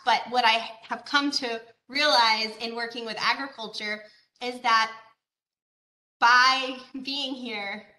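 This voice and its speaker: A woman from Georgia leads an online lesson on farming and the environment, her voice bright and a touch high. She talks casually, with fillers and questions to the audience. The video-call sound carries a noticeable echo from the room. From Georgia, USA. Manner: conversational, with frequent fillers and rhetorical questions. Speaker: agricultural educator. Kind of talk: online presentation.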